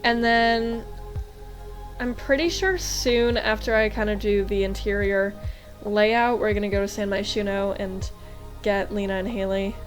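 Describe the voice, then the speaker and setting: A woman's voice: mid-range voice, fairly even intonation, a little slow, soft background music. A young American woman chatting casually in a voice-over about her game build, talking in a loose, rambling way full of fillers. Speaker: game vlogger.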